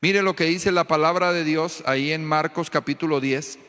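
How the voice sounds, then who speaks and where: A man's voice: fairly high pitch, steady tone, moderate pace, pushed and bright, clear, resonant tone. A Mexican man preaching a fervent sermon as pastor, often asking his congregation questions. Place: church hall. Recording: echoey church hall.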